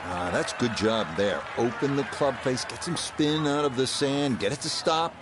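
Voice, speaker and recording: Male golf play-by-play announcer, mid-pitched, measured delivery, heavy crowd bed. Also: background noise. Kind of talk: golf commentary.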